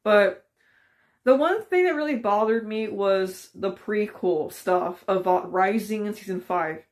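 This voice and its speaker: A woman's voice: mid-range voice, measured pace. Woman ranting casually on camera. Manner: ranting, frustrated, rambling with fillers. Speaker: vlogger. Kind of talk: casual opinion commentary.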